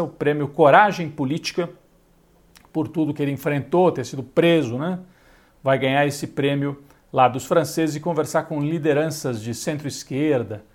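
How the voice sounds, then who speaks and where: A Brazilian man with a Brazilian Portuguese accent giving opinionated political news commentary, with sardonic asides. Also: on the high side.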